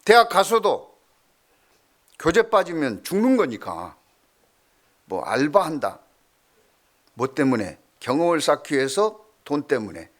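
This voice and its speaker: A middle-aged male pastor preaching a sermon, telling stories with swings from loud to hushed. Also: a little high, very animated, a little slow, pauses often.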